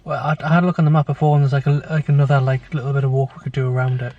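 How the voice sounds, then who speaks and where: A man's voice: medium pitch, level tone, racing, no echo. A man chatting casually with his partner on a walk, hesitant and full of fillers. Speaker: companion on the walk. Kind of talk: casual chat. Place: outdoors. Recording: dull sound with loud noise.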